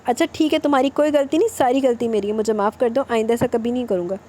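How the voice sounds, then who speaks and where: A woman's voice: a little high, mellow, lightly acted. A woman voicing a brooding young husband in a romance novel reading, earnest and lecturing. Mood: coaxing.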